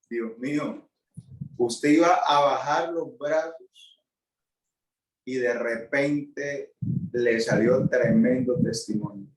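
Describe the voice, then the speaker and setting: A man hosting a talk show marvels warmly at what he has heard. He speaks slowly, and his voice sounds echoey and distant from the microphone. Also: medium pitch. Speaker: host. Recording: roomy sound from off the mic.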